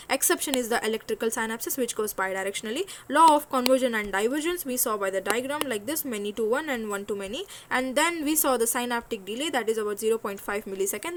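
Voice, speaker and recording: Young woman lecturing, high voice, lots of uh and okay, corrects herself a lot. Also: a little hiss or hum. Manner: hesitant, many fillers and self-corrections. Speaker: physiology lecturer. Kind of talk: explanatory lecture.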